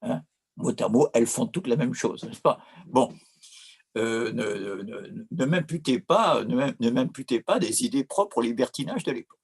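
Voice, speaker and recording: A man's voice: mid-range voice, moderate pace, creaky, breathy edge. A man with a Corsican accent giving an informal, digressive lecture on opera, with frequent hesitations and restarts. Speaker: philosophy lecturer.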